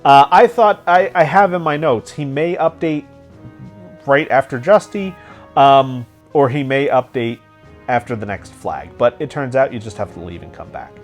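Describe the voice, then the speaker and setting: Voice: medium pitch, normal speed. A host giving chatty, giggly let's-play commentary for a game guide, full of fillers. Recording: faint game music behind.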